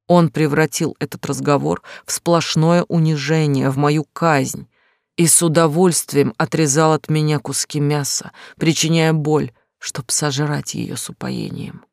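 Gravelly woman narrating a love drama. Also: low voice, lively intonation, darkish tone, no echo, clean studio sound. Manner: slow, emotional, pained. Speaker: audiobook narrator. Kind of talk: first-person novel narration.

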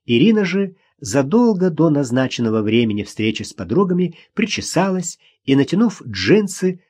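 Man narrating an audiobook, slightly high voice. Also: big pitch swings, moderate pace, darkish tone, slightly rough. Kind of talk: scripted narration.

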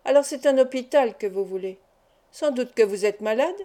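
A curious male innkeeper who is pleased with his own guesses and pries with his questions, read by a woman narrator. The voice is a little high and soft in tone. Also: expressive, moderate pace, natural voice. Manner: prying, self-satisfied. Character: curious tavern keeper, man, pleased with himself.

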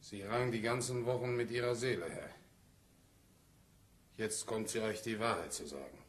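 An actor playing a sober, resolute farmer testifying with grave restraint in a 1950s German radio play. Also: male voice, lowish voice, normal speed, natural voice. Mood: subdued.

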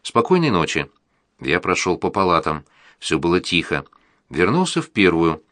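A man narrating a first-person audiobook in a plain, even reading manner. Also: low voice, moderate pace, no room sound.

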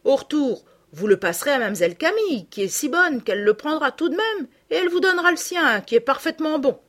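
A woman's voice: high voice, lively intonation, brisk, a bit bright, voice pushed up. A woman voicing a kindly rustic peasant boy with folksy country speech. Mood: consoling.

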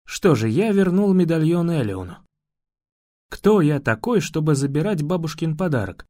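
A man reading a first-person audiobook narration in a reflective, expressive way. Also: fairly high pitch, normal speed, dry recording, clean studio sound.

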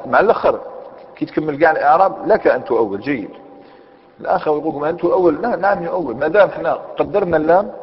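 A man teaching a grammar lesson, explaining step by step and often checking with his students. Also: on the high side. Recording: dull lo-fi recording in a reverberant hall.

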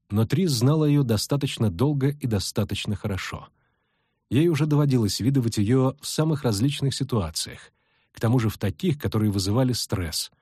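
A man narrating a fantasy audiobook in a measured, even storytelling manner. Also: medium pitch, husky, no room sound, clean studio sound.

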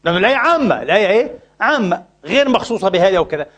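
A man, teaching Islamic jurisprudence in an animated lecture, repeatedly asking listeners to finish his sentences. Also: sits high, very fast. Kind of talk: lecture with call-and-response questions.

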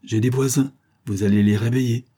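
A man voicing a calm, firm police inspector who speaks with quiet authority. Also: medium pitch, a little fast, natural voice. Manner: firm, reasonable, commanding.

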